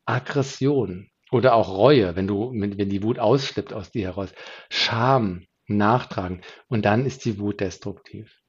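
A podcast host gives a solo teaching talk about emotions in a lowish, unhurried, slightly rough voice. He often raises and lowers his voice and restarts sentences as he works through his thoughts. The recording sounds muffled.

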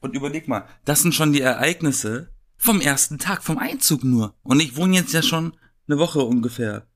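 A man's voice: a little high, normal speed. A man co-hosting a podcast, telling a story casually and animatedly, swearing now and then. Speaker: podcast co-host.

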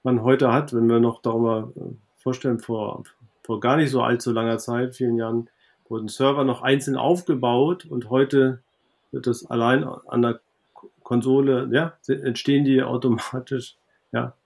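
A man with a gravelly, mid-range voice answers interview questions in an easygoing conversational tone. He hesitates often, restarting phrases and filling gaps as he thinks aloud. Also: mid-range voice, fairly even intonation, normal speed, darkish tone. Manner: thoughtful, hesitant with many fillers and restarts. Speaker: podcast guest, IT coordinator.

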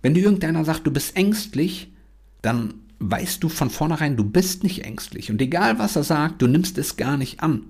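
A man's voice: on the high side, lively intonation, moderate pace, vocal fry, few pauses, darkish tone, husky. A man hosting a podcast, giving an earnest motivational monologue and repeating self-affirmations. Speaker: podcast host.

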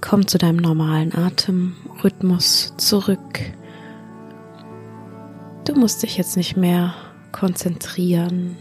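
A woman who is a podcast host and yoga teacher, guiding a sleep meditation in a soft, slow voice that often drops to a half-whisper. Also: on the low side, steady tone, faint music behind.

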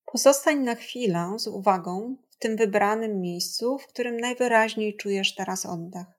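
A woman guiding a body scan meditation in a gentle, calm, soothing and measured way, leaving long pauses. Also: medium pitch. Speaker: meditation guide.

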